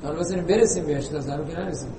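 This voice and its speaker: A man's voice: a little high, dark tone. A man giving an informal religious lesson to a congregation, chatty and teasing, asking rhetorical questions. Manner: conversational, rhetorical questions and jokes. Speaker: preacher. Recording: echoey hall, distant mic, faint noise.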